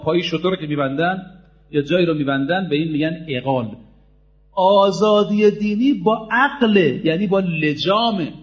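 A male preacher with a notably high voice delivers an emphatic sermon. He turns to the crowd often and urges them to listen closely. He tells stories along the way to drive his point home. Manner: emphatic, addresses the audience directly.

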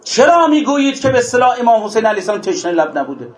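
A male preacher giving an impassioned mourning sermon, rising to exclamations and then dropping low. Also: big pitch swings. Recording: echoey hall.

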